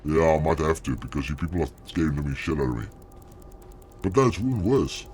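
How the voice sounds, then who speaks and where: Very animated and a little fast, this man's voice has a darkish tone and a bit of hiss or hum. It's live horror gameplay commentary, filtered through a deep, gravelly demonic voice changer, as he curses, startles at scares and talks with chat.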